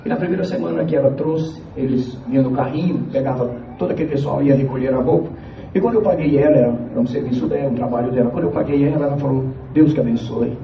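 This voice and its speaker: Man, church testimony, earnest, halting, muffled, faint background noise. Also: mid-range voice, vocal fry. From Piauí, Brazil. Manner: earnest, halting storytelling, repeats phrases, addresses the brethren. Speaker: church member giving a testimony. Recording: echoey, distant, dull church recording.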